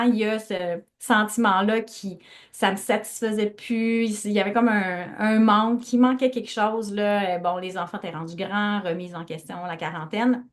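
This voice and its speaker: Woman in her forties, Quebec French accent, guest coach, lively storytelling. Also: medium pitch. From Lac-Saint-Jean, Quebec. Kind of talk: casual interview chat.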